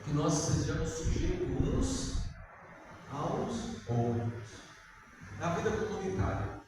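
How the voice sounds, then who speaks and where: A man's voice: fairly high pitch, very animated, slow pace, background noise. An older man preaching a sermon in a Brazilian Portuguese accent, talking conversationally and putting questions to the congregation. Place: church hall. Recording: echoey hall, far from the mic.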